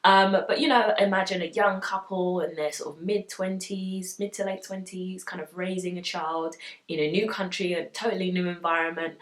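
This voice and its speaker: A young Ugandan woman raised in the UK, a style vlogger, chats candidly to camera with lots of "um"s in a room at home lit by studio lights. Her voice is on the low side and a bit bright. The mic sounds slightly distant in a roomy space.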